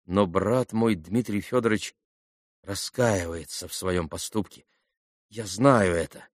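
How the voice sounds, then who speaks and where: A man voicing a gentle, quiet, earnest young man in an audiobook, speaking softly and calmly. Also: on the low side, measured pace, no echo, clean studio sound. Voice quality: soft, calm.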